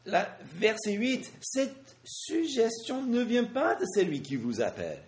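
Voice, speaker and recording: A man preaching in French at a slow pace, his pitch rising and falling in lively swings. He stops often for his interpreter and asks rhetorical questions, and the sound is echoey. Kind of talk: sermon with live interpretation.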